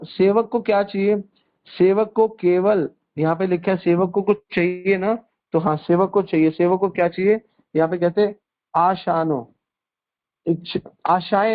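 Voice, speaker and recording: A man giving a devotional discourse, explaining scripture verses word by word and repeating key phrases. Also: high voice. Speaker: spiritual teacher. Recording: tinny conference-call phone line.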